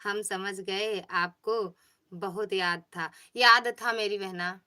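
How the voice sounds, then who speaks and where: Bright-voiced chatty woman live-streaming from a phone. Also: mid-range voice, steady tone, takes it slowly, clear, resonant tone. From Pratapgarh, Uttar Pradesh. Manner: chatty, greets viewers by name and coaxes them. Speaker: livestream host. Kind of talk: casual livestream chat, reading viewer comments.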